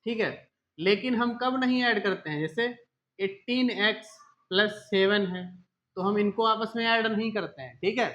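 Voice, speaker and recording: A male teacher with a high voice works through a math lesson one step at a time. He keeps asking questions and answering them himself, with frequent check-ins. The recording sounds dull and lo-fi. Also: a little slow, a bit bright. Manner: explains step by step, often asks and answers his own questions; repeats "ठीक है" often as a check-in.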